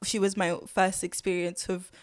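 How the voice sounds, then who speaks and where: A young woman who grew up partly in Zimbabwe and London appears as a podcast guest, speaking candidly and reflectively with many fillers, restarts, and easy laughter. Her voice is fairly low with a level tone at normal speed, and the studio sound is clean with no echo.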